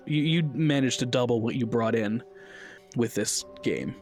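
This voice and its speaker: Man, game master, relaxed chatty narration, mid-pitched voice, faint music behind. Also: normal speed.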